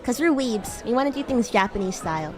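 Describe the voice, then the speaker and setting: Music and crowd noise fill the background as the VTuber speaks a little fast in a fairly high, expressive voice. She keeps up her improvised roleplay as a bratty demon schoolgirl classmate in livestream chat, teasing playfully and giggling.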